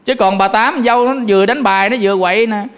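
A man's voice: high-pitched, fast, a bit bright. A man giving a folksy Buddhist sermon, talking conversationally and constantly addressing his listeners directly. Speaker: Buddhist monk preacher. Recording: long hall reverb.

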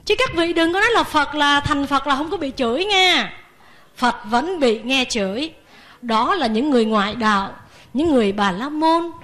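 A woman, a Buddhist nun, giving a lively sermon and asking the audience questions. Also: high-pitched, moderate pace.

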